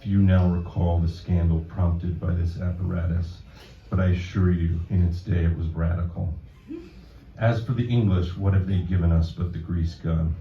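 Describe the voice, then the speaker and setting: A deep-voiced male poet reads his own work at a live event before an audience, with an informal introduction, in a roomy hall. His intonation stays fairly even and his speed is normal. The recording is dull, roomy and distant, with a little hiss or hum.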